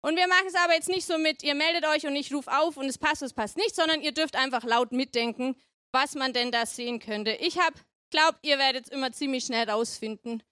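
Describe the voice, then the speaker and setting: High bright woman preacher, chatty and playful, dry sound. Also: a little fast, no room sound. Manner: playful, chatty, asks the audience often. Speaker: preacher at a family service. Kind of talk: lively sermon with questions to the congregation. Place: church.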